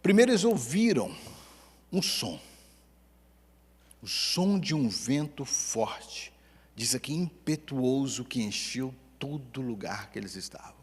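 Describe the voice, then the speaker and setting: Man, Brazilian accent, pastor's sermon, husky voice, hall reverb. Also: medium pitch, slow pace. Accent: Brazilian Portuguese. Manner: storytelling with humor, lively swings between loud and hushed. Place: church hall.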